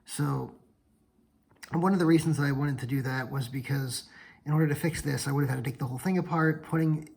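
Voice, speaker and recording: A man's voice: mid-range voice, fairly even intonation, brisk, gravelly, a little mellow, husky, rough recording. A tired man yawning late at night, casually demonstrating knives on his channel and often correcting himself as he rambles. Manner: rambling, self-correcting explanations. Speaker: knife channel host. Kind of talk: casual hands-on demo vlog.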